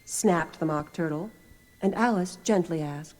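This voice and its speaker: A woman's voice: fairly low pitch, a little slow, darkish tone. A woman reading scripted storybook narration on an album. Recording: noisy album recording.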